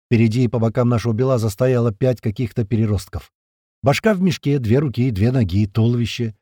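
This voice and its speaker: Rough-spoken man narrating an audiobook. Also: medium pitch, fairly quick, dark tone, no room sound, studio quality. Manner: colloquial, rough-spoken, vivid. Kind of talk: first-person audiobook narration.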